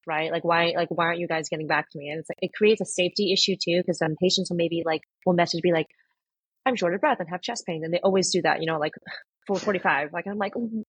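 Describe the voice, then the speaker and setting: A woman's voice: lowish voice, steady tone, fast, breathy edge. A woman, an oncology nurse, telling stories in a chatty way with many fillers on a podcast. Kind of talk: casual podcast chat.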